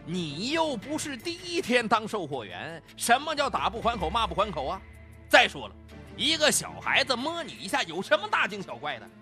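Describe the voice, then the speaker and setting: A man's voice: high voice, wildly swooping pitch, moderate pace, sharp tone, soft background music, exaggerated voice. A man voicing a stern male store manager who scolds and barks orders. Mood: scolding.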